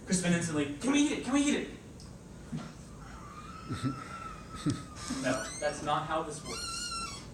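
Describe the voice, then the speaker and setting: A man delivers a folksy tall tale from a distance in an echoey room with clear background noise. He tells it as a comic speech, theatrically, pausing for drama. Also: very high voice, huge pitch swings. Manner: theatrical storytelling with deliberate dramatic pauses. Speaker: club speech contestant. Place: indoor room, speech to an audience.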